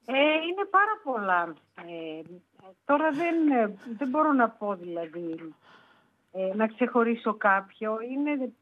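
A woman's voice: on the high side, sing-song. A woman, an author guest in a radio interview, speaking hesitantly with many fillers. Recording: tinny phone line.

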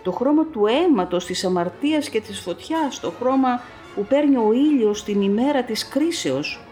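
A woman's voice: medium pitch, lively intonation, a little mellow, natural voice. A woman voicing a stern man who proclaims grim visions in a solemn, thundering way, over faint music. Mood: solemn proclaiming.

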